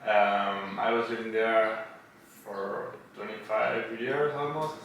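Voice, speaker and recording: A tattoo artist from Buenos Aires chats casually as a podcast guest, speaking English hesitantly as a native Spanish speaker with an Argentine accent. His voice is on the low side and a bit bright, with fairly even intonation and a slow pace. The distant mic picks up roomy echo and faint noise.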